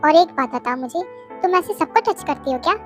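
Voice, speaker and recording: A high voice doing a bossy, arrogant young boss man. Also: a little fast, soft background music. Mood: scolding. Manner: bossy, scolding.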